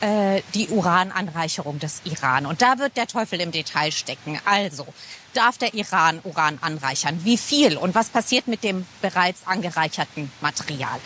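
A woman correspondent explaining the news in a measured, explanatory way. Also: mid-range voice, fairly bright tone, slight background noise.

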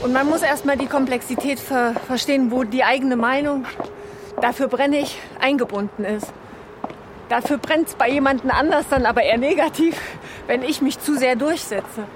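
Woman, new member of parliament, documentary interview, reflective, high voice. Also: normal speed, noisy background. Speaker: newly elected member of parliament.

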